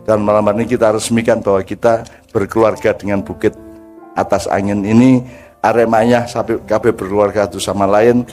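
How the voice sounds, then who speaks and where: A man's voice: on the low side, darkish tone. An older man with an East Javanese accent gives a joking, conversational religious talk to a crowd, often asking them questions. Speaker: preacher.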